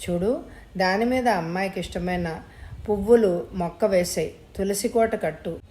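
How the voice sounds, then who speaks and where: A woman voicing a rough but kind-hearted male cemetery watchman who consoles a grieving boy. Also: medium pitch, moderate pace, natural voice. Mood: consoling. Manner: gruff but gentle consoling.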